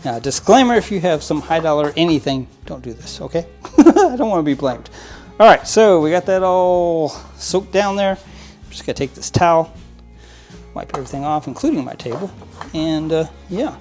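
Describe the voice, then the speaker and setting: This host of a model train hobbyist channel has a slightly high, sing-song, somewhat mellow voice and speaks at a moderate pace, with faint music behind him. Working at his table, he gives a casual, rambling how-to on cleaning model trains, often restarting, using plenty of fillers, and chuckling a lot.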